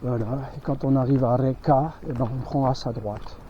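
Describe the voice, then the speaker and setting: Walking outdoors through a rural village and the countryside, a man who vlogs while traveling with animals chats casually to them as he goes. He speaks at a moderate pace in a steady, medium-pitched voice. The outdoor recording is dull and lo-fi, with faint noise.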